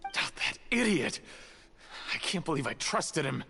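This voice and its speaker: A man's voice: on the high side, sing-song, a little slow, creaky, sharp tone, faint music behind, heavily acted. An actor playing a jittery, cornered male criminal who stammers in panic. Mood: panicky. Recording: roomy game audio with reverb.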